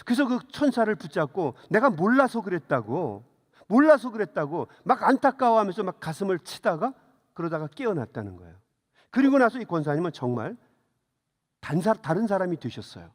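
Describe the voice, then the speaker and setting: A man's voice: high voice, very animated, a little fast. A middle-aged man preaching a sermon as a pastor, telling a story and then urging his congregation with fervor. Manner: storytelling, rising to fervent exhortation. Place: church sanctuary. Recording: reverberant church hall.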